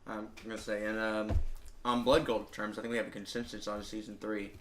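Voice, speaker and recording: A man's voice: fairly low pitch, flat delivery, a little fast, a bit bright, faint music behind. Wry, opinionated man in chat. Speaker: podcast co-host. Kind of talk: casual fan chat.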